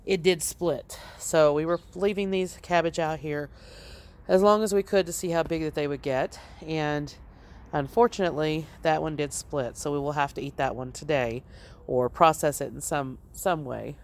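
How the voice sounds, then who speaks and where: Still getting over an illness, a woman with a low, slightly stuffy voice hosts an informal tour of her outdoor garden. Her talk is relaxed and plain, sprinkled with lots of ums.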